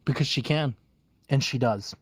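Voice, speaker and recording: A man's voice: mid-range voice, moderate pace, breathy edge, no room sound. A man in his thirties, a musician guest, talking casually in a blunt, emphatic way and swearing freely. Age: 30s. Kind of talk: casual chat. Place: virtual world voice chat.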